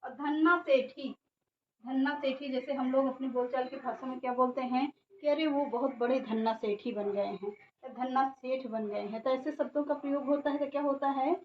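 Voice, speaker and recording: A woman's voice: high voice, steady tone, brisk, hardly any pauses. A woman teaching a grammar lesson who keeps asking questions and answering them herself. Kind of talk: classroom lesson. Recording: echoey room, dull sound, faint background noise.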